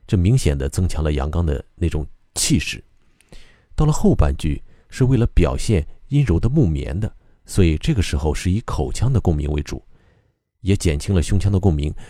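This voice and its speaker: A man teaching how to recite a poem, explaining calmly and methodically with frequent pauses. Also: deep voice, dry recording, studio quality. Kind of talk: explanatory lesson on reading poetry aloud.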